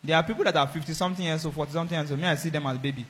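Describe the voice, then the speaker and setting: A man preaching a sermon, acting out dialogues with animated, raised voices. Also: fairly high pitch, rapid-fire. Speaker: pastor.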